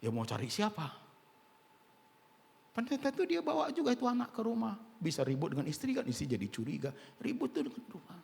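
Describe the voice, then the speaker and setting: A man's voice: high voice, huge pitch swings, brisk, vocal fry, darkish tone. A male pastor preaching emphatically, often dropping English phrases into his sermon, in a church auditorium. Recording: reverberant church hall.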